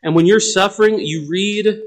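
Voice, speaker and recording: A man's voice: sits high, normal speed. A man preaching a sermon, earnest and often stopping to repeat his words as he works through scripture. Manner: earnest, restarts and repeats words, dramatic paraphrase.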